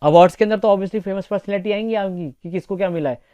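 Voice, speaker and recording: A young male tutor talks through exam topics in a loose, chatty lecture and keeps checking in with his students. He speaks quickly in a slightly high, mellow voice. The sound is close and dry. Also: clean tone, no echo. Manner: chatty, repeats "theek hai" often. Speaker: exam prep teacher. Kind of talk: casual exam-prep lecture.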